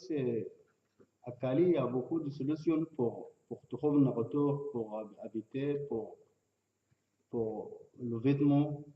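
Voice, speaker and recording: A man in his thirties gives testimony in a Sudanese accent. His French is broken and halting, that of a learner searching for words. The sound is dull and echoey, picked up some way from the mic. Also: medium pitch, distant mic. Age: 30s. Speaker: refugee giving testimony. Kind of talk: personal testimony at a public meeting.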